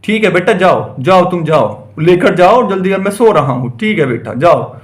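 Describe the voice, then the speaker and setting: Kindly old holy man played by a man, reassuring, fatherly, high voice, doll play story. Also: animated, moderate pace.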